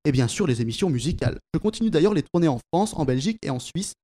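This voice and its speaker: A man hosts a radio quiz from the studio, teasing his guests as he goes. His voice sits high and his words come quickly. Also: expressive, mellow. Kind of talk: playful radio quiz chat.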